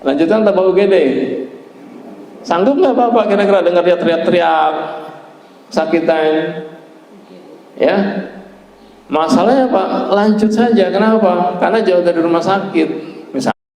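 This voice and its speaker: A man's voice: high-pitched, normal speed, pauses often, darkish tone. Man teaching a class in an echoey hall. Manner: talks to the class directly, asks them questions and tags many lines with "ya" and "Pak". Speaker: trainer of a back-pressure therapy course. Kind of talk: training lecture to a seated class.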